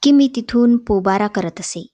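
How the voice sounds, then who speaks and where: A woman narrating a textbook story in a clear, measured storybook reading. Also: mid-range voice, expressive, warm tone, no room sound. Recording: dull dry voice-over.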